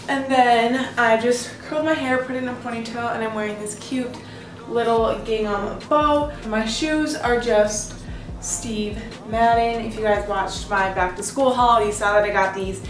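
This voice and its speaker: A young woman with a fairly high voice talks through her outfits in a bubbly, gushing sorority-girl way. It is casual vlog chat, recorded in an echoey room a little way from the mic. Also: far from the mic. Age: young adult. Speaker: vlogger. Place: small indoor room in a home, standing before a door. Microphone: camera mic a few steps away.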